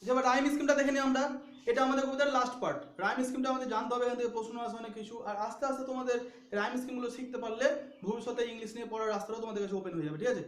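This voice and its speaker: A man's voice: very high-pitched, fairly even intonation, racing, fairly bright tone, roomy sound. A man teaching a poetry lesson to students, repeating himself and often checking that they follow. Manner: repetitive, checks understanding with questions.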